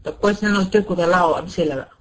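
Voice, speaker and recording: A woman's voice: on the low side, rapid-fire, a little hiss or hum, poor audio. A woman with an Egyptian accent teaching a tajweed lesson, patiently quizzing her students with questions and correcting their answers. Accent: Egyptian Arabic. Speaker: Quran recitation teacher.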